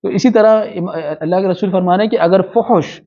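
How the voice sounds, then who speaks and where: A man teaching a religious lesson. He reads Arabic passages slowly, then explains them with quick asides and rhetorical questions. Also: high-pitched, fairly even intonation, mellow. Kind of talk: hadith lecture, reading Arabic text and explaining it. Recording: dull lo-fi recording.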